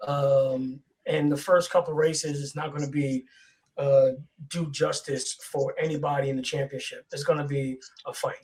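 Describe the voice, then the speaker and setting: Man, new york accent, higher voice, excitable, emphatic, casual panel chat. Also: moderate pace. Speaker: podcast panelist.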